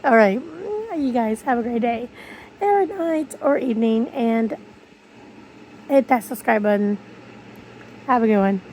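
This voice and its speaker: Higher-voiced woman talking without front teeth. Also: measured pace, pauses often, a little mellow, a little hiss or hum, low-quality recording. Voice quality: slightly slurred speech from missing front teeth. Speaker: video creator. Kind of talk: casual rambling vlog to viewers. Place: bedroom, lying in bed.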